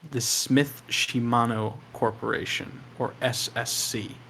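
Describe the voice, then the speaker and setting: A man narrating a tabletop game as game master, explaining deliberately with pauses. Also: medium pitch, level tone, creaky, pushed and bright, a little hiss or hum, rough recording.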